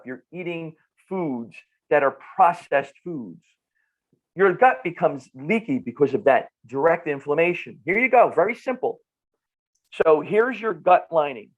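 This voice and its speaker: The sound is phone-quality, carrying a man's fairly high-pitched voice. He's a middle-aged nutrition clinician from northern New Jersey with the local accent, a podcast guest explaining things conversationally and emphatically with repetition and rhetorical questions.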